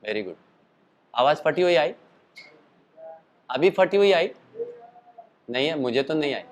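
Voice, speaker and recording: A singing and voice teacher with a slightly high voice gives a casual lesson, explaining in a chatty, rambling way that is expressive and slow. His throat sounds tired after a show the night before. Now and then he stops to demonstrate calls and sung notes.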